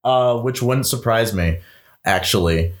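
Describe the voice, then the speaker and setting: A man's voice: medium pitch, a little slow. Guy chatting about a movie, loose and rambly, swears a lot, laughs easy, mid voice. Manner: rambling, swearing, frequent laughter, many fillers. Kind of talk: casual chat, movie review.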